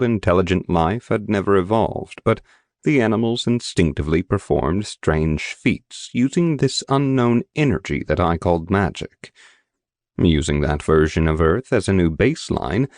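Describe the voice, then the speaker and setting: A man with a very low voice narrates an audiobook in the first person. His delivery is measured and steady, with slow deliberate phrasing. The recording is close and dry, with no room sound at all. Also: dry recording. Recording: dry, dead studio sound.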